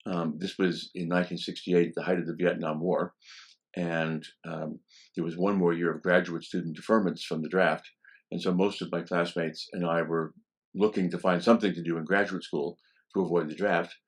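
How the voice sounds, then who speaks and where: A man in his seventies, a law professor, telling stories from his past in a relaxed way, with many "um" fillers. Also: low-pitched, moderate pace. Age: 70s. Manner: relaxed and anecdotal, with frequent "um" fillers. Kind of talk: reminiscing interview storytelling.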